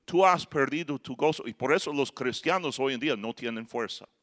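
A middle-aged man preaching a sermon, moving from quiet talk to shouted passages and acting out voices. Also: mid-range voice, animated, brisk. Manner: acts out voices and jokes with the congregation. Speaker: pastor.

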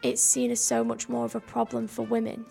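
A woman's voice: on the high side, completely flat delivery, a little fast, gravelly, dark tone, breathy edge, faint music behind. A young woman co-hosting a homemade radio show, speaking earnestly in long run-on sentences. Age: young adult. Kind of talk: casual discussion.

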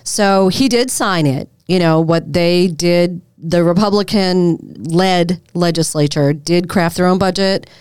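Low, smooth-voiced woman explaining local news. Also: measured pace, hardly any pauses, darkish tone, no room sound, studio quality. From Boston area. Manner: conversational, explains at length, laughs easily. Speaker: reporter and co-host. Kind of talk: casual news chat.

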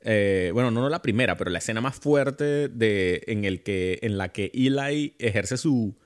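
A man's voice: on the low side, a little slow. A man talking casually about a film, rambling with many restarts and fillers.

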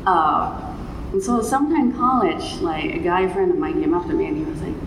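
Picture a woman with a slightly low voice answering a panel question, casual and lively. She sounds like she is in a big hotel meeting room. The sound rings with a long echo and carries steady room noise. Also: a little fast. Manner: casual and animated. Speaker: panelist, writer. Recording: echoey hall, background noise.

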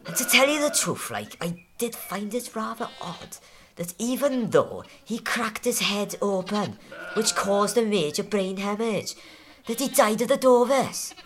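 A woman's voice: medium pitch, animated, a little slow, a little hiss or hum, close to an everyday voice. A woman voicing a simple, long-winded male farmhand who rambles hesitantly through endless fillers.

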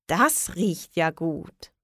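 A kind, childlike storybook witch, as a woman reads her with a lilting, lively voice that swoops up and down. The sound is close and dry, with no room around it. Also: medium pitch, unhurried, vocal fry, no echo, exaggerated voice. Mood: delighted.

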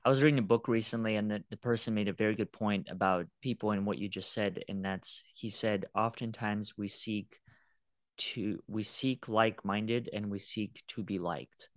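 A man hosting a podcast interview, speaking in a measured, reflective way. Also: lowish voice, steady tone, no echo. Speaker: podcast host. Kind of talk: casual interview talk.

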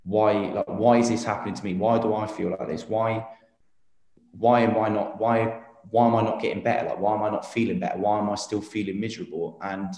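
A man's voice: lowish voice, fairly even intonation, fairly quick, a little mellow, echoey room. A man in his late twenties, an interview guest talking casually and earnestly with many fillers and restarts. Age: 20s.

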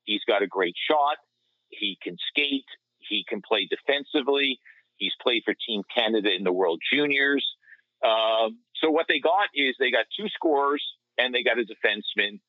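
A man with a medium-pitched, expressive voice talks at normal speed with no room sound. He's a hockey radio play-by-play announcer and podcast panelist giving conversational sports analysis over a remote call, explaining at length with small digressions like a panel broadcaster. The call-in line sounds dull and lo-fi.

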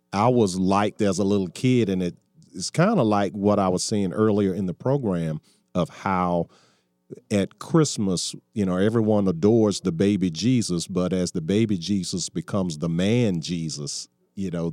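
Deep, mellow man in his sixties hosting radio. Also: dry recording, clean studio sound. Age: 60s. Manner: folksy, preachy, with frequent restarts. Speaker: radio talk show host. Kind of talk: call-in talk radio commentary.

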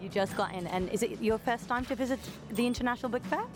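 A woman's voice: a little high, fast talker, over music. A woman working as a roving reporter, interviewing visitors at a book fair in an upbeat, chatty way, laughing easily. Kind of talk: vox-pop interviews.

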